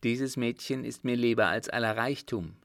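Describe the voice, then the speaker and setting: A man voicing a young man in love, earnest and determined, in his own plain low voice. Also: moderate pace, creaky, fairly bright tone, dry recording, studio quality.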